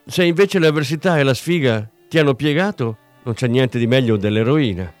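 Glib cocky dealer guy, higher and livelier than the narrator, dry close sound, man putting him on. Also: expressive, brisk, no echo, faint music behind, natural voice. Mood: boastful. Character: cocky drug-dealing man, glib and chatty.

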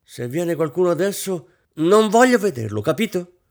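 A man reading aloud voices an anxious wealthy hostess, a woman who talks in a frantic, high-strung way. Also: very animated, fairly quick.

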